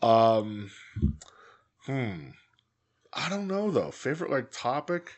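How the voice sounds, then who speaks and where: A man co-hosting a podcast in a relaxed, unpolished way, leaning on fillers and cursing freely. His voice sits at an everyday middle pitch for a man. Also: takes it slowly. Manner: loose and profane, lots of fillers. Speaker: podcast co-host. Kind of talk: casual chat.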